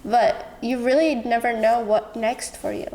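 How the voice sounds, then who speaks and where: A Syrian woman whose native language is Arabic speaks with a Syrian Arabic accent as a podcast guest, chatting expressively and informally in a casual personal interview. Her fairly high, warm voice has vocal fry, fairly even intonation and a slightly slow pace, and the audio quality is poor.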